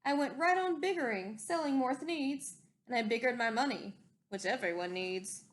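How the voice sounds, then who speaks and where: Woman acting male factory owner, storybook, high voice, greedy, defiant, boastful, emphatic. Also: lively intonation, moderate pace, natural voice.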